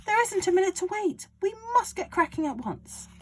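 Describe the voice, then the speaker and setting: A woman reading aloud and voicing an excitable, bossy father who shouts his big plans. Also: moderate pace, a little hiss or hum. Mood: overexcited. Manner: shouting, overexcited, booming. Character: excitable bossy father, middle-aged man.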